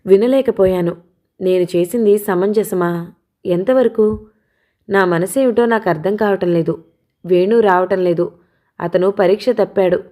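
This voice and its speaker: A woman reading a novel aloud in first person as a narrator, with an expressive, steady delivery. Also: mid-range voice, a little slow, long pauses.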